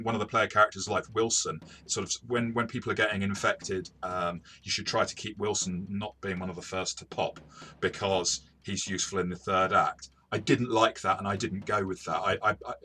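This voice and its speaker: Acting as game master, a man chats through a review of a tabletop game in a hesitant, halting way, frequently repeating words. His low voice is bright and forceful, with a little hiss or hum in the audio.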